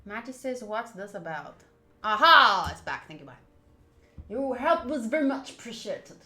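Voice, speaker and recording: Hosting a visual novel live stream indoors at home, a woman chats in a playful, teasing, informal way. Her voice is fairly high, sharp and sing-song, and she speaks at a moderate pace in an echoey room.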